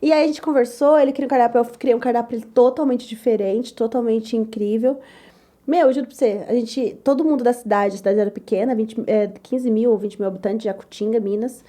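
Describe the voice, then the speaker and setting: A young woman chef telling her story in an interview, lively and loud, acting out the voices of others. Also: fairly high pitch, brisk. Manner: lively, acts out quoted voices, repeats "tal, tal"; says she talks loud and gruff. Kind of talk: animated personal storytelling.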